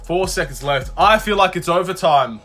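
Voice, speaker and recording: A man giving excitable live commentary on his own video game, swearing and calling out "bro" often. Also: high voice, normal speed, soft background music. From Australia. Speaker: gaming YouTuber.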